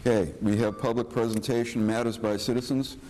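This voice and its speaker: A man's voice: medium pitch, fairly even intonation, a little fast, dark tone, slight background noise, rough recording. A man acting as chairman, making short procedural announcements at a government meeting. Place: indoor government meeting room.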